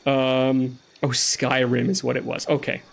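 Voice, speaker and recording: A man's voice: mid-range voice, completely flat delivery, a little slow, creaky. A man giving casual, joking let's-play commentary while chatting with a friend. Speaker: gaming streamer.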